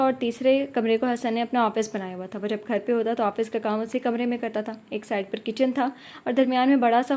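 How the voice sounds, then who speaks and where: A woman narrating an audio novel with a steady, unhurried delivery. Her voice sits slightly high with a mellow, soft tone.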